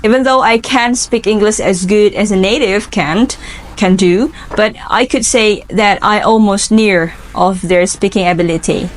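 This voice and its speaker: Answering interview questions for her English speaking task, the young woman, in her twenties with an Indonesian accent, speaks with earnest care, pausing often and using fillers. A little hiss or hum sits under her mid-range voice.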